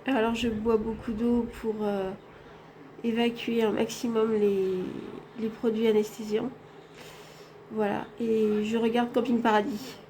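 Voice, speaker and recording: A woman chats straight to her viewers in a casual vlog, talking into a phone she holds herself in a hospital room. Her voice sits a little high but sounds mellow and soft, with faint noise in the background. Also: flat delivery, measured pace. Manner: chatty, addresses viewers directly. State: tired after anesthesia. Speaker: vlogger. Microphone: phone held in hand.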